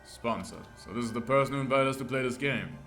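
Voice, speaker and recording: A man's voice: mid-range voice, fast talker, a bit bright, soft background music. A man streaming a game, reading its text aloud with crude, joking asides. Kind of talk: reading a visual novel aloud with commentary.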